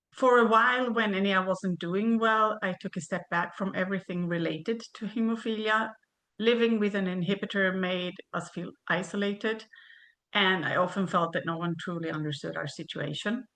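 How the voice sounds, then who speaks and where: A woman in her fifties from Sweden, reading a prepared webinar presentation in a measured way over a video call. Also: medium pitch, fairly bright tone.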